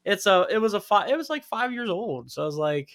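Man, casual podcast host, bright forward voice, rambling talker. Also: high voice, expressive, brisk. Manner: rambling, repeats himself, laughs often. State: recovering from covid, no smell. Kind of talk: casual chat.

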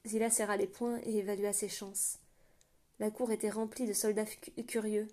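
A woman narrating a fantasy novel aloud in a quiet, measured reading voice. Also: mid-range voice, flat delivery. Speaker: audiobook narrator.

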